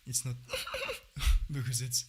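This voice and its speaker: A man casually explaining beatbox technique to a livestream audience. He speaks in halting fragments and trails off mid-thought to show a sound. His voice sits at an ordinary male pitch, with clear background noise under the stream audio. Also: flat delivery.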